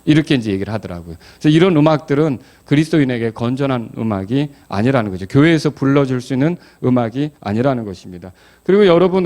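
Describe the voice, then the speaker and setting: A man's voice: medium pitch, a little mellow. A man teaching a Bible study lesson as a pastor, explaining patiently, questioning the class and adding folksy asides. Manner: explanatory, asks the class questions, claps out rhythms.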